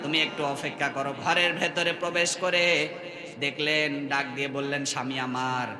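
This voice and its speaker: A man preaching in a piercing, high voice with a Bangladeshi Bengali accent. He tells the story in a storyteller's way, half-singing some lines and falling to a hush on others, and he keeps calling on the listeners to answer. The sound is roomy and rings out in a long echo. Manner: storytelling with sung, chanted rises and sudden hushed drops; asks the crowd to respond. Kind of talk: Bengali waz sermon. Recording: echoey open-air hall with long reverb.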